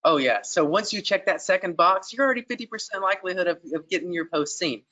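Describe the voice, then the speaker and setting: A man's voice: high-pitched, expressive, quick pace, sharp tone. A man co-hosting a marketing webinar, explaining tips step by step in lists. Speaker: webinar co-host.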